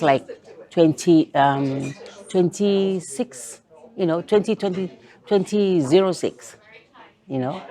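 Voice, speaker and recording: Low-voiced older Pacific woman, thoughtful. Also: warm tone. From Kiribati, grew up in Fiji. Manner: thoughtful, with many pauses and restarts. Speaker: interview guest, climate activist. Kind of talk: conversational interview.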